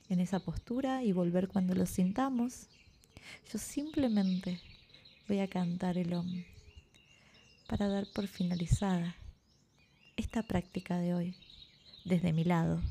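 A woman guiding a yoga nidra meditation and reading stories in a slow, soothing way. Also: fairly low pitch, dark tone, slight background noise. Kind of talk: guided meditation with story reading.

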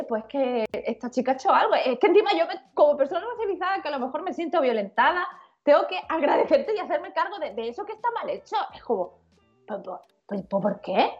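A woman guest on a podcast interview, talking in an animated, slangy and frank way. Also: sits high, fairly quick, dull audio, soft background music. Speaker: guest illustrator. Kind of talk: conversational interview.

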